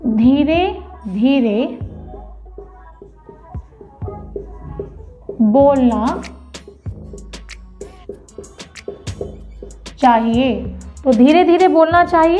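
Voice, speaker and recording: A woman with a high voice gives a grammar lesson for children. She explains slowly and patiently, repeats key words and asks the class questions. Soft music plays faintly under her voice. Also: expressive. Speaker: teacher.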